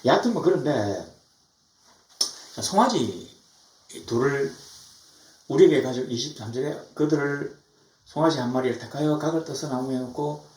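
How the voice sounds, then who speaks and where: A middle-aged man preaching a sermon as pastor, animated, now and then mimicking mocking tones. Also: medium pitch, normal speed, pauses often. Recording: echoey church from far off.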